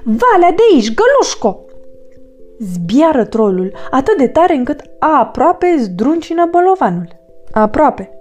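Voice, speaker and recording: A woman reads a children's storybook aloud with lively, expressive storytelling. Her voice sits fairly high and moves a lot, with soft music in the background. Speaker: narrator.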